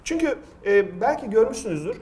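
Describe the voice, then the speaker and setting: A man's voice: sits high, very animated, fairly quick, darkish tone, slight background noise. A middle-aged or older man hosting a quiz and telling stories in casual, conversational speech. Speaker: quiz show host. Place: studio table, indoors.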